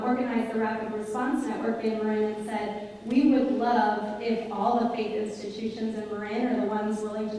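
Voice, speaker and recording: Speaking unscripted to the congregation, a young woman fields questions in a big synagogue sanctuary, her explanations earnest and full of ums. She holds a handheld mic, and her high-leaning, dark-toned voice carries a little hiss or hum, recorded from afar in the echoing hall.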